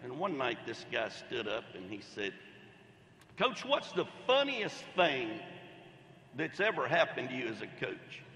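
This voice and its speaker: A man's voice: medium pitch, very animated, unhurried, pushed and bright. An older man giving a folksy commencement speech at a podium, telling anecdotes. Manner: folksy, storytelling, Southern phrasing. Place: large outdoor commencement ceremony. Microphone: podium microphone. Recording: echoey reverberant venue sound.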